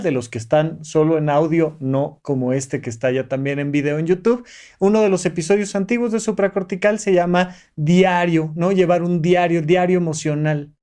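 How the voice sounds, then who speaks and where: On the high side and a little mellow, this man's voice carries a motivational podcast monologue. As host, he walks the listener through numbered steps, teaching in a coaxing, explanatory, didactic way.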